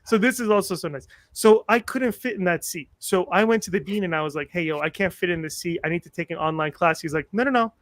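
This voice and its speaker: A man in his forties, a podcast guest telling personal stories in casual chat, animated and self-mocking, acting out what people said. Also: high-pitched, fast talker, hardly any pauses, dry recording. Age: 40s. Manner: animated, self-mocking humor, acts out quotes.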